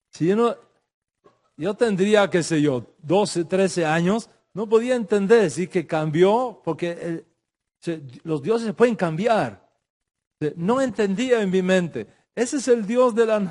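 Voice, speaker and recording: High-voiced man teaching a religious class. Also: a little mellow. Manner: emphatic, repeats phrases, stumbles and restarts; speaks in Spanish with Hebrew religious terms.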